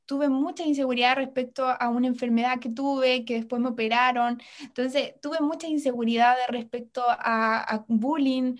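Young woman, guest, earnest testimony, bright high register, lively retelling. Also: moderate pace. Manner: earnest, retells with quoted voices. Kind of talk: personal testimony in a podcast interview.

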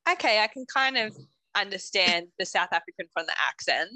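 A woman hosting a relaxed podcast, asking questions in a chatty way and laughing easily. Her voice is bright and forward, recorded close and dry with no room sound. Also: medium pitch, brisk, no room sound, poor audio. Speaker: podcast host. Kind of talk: casual podcast interview.

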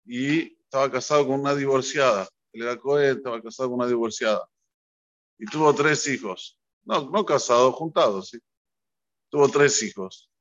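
Man, rabbi's sermon, earnest and repetitive, mid pitch, muffled lo-fi audio. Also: moderate pace, fairly bright tone. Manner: earnest, instructive, with repeated phrases for emphasis. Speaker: rabbi teaching a class. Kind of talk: religious talk with storytelling. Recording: dull lo-fi recording.

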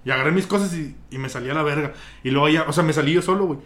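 A young man with a Mexican Spanish accent recounts a story to his friends, swearing freely and acting out the scenes. His voice sits a little high for a man, and he keeps a loose, chatty delivery throughout. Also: very fast. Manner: vulgar slang-heavy, animated retelling with laughs. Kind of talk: casual storytelling among friends.

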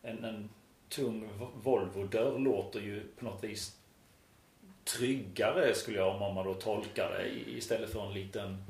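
A man in casual conversation who tells relaxed anecdotes and uses frequent hesitation fillers. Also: fairly low pitch, vocal fry. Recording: roomy echo.

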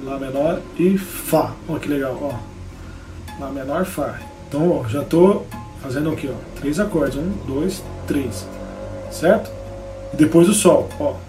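A man's voice: on the high side, measured pace. A Brazilian man teaching guitar on a live stream in a casual, chatty way, greeting viewers by name as he plays. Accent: Brazilian Portuguese. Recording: echoey room with guitar playing.

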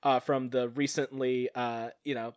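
A man's voice: medium pitch, little pitch movement, moderate pace, dry recording. Rambling man with dry close sound. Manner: rambling, many fillers, laughs at own jokes. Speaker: podcast co-host. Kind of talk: casual comedic chat.

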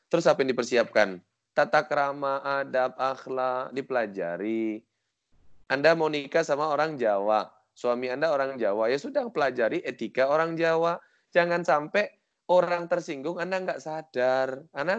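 Man from Sumatra giving a lively sermon. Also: medium pitch, muffled recording. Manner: lively, joking, acts out quoted voices. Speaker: Islamic preacher. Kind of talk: casual religious lecture.

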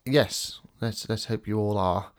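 Stuffed up with a cold, a man hosts a casual podcast in a lowish voice at an unhurried pace. His manner is talkative and self-mocking, and the episode mixes a scripted intro with relaxed chat.

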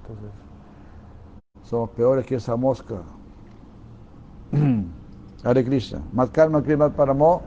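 A man's voice: mid-range voice, a little mellow. Man preaching a sermon. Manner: storytelling, emphatic repetition. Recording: dull lo-fi recording with faint noise.

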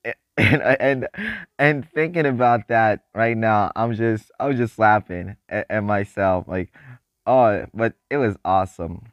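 In a faith vlog, a seventeen-year-old young man with a freshly deepened voice talks in an unhurried, rambling way, full of laughter and frequent restarts. His mood is excited and happy. There's no room sound, and the high frequencies are cut off.

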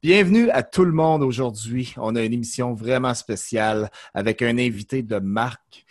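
A man's voice: mid-range voice, moderate pace, no room sound, studio quality. A man hosting a casual bilingual podcast, speaking hesitantly with many fillers. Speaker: podcast host.

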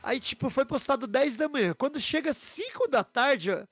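High-voiced, animated Brazilian man. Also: moderate pace, no room sound. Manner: animated, profane storyteller who acts out quoted messages. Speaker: podcast co-host. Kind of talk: casual chat.

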